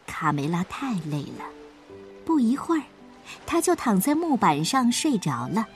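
A woman tells a children's story with lively, expressive reading, her pitch sitting a little high. Her voice rises and falls freely across the story. Soft music plays in the background. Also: moderate pace.

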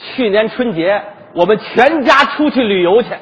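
An actor playing an aggrieved, grumbling parrot owner, complaining in a self-mocking way in a stage comedy sketch. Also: male voice, sits high, animated, normal speed, a bit bright, a little hiss or hum. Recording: dull lo-fi stage recording.

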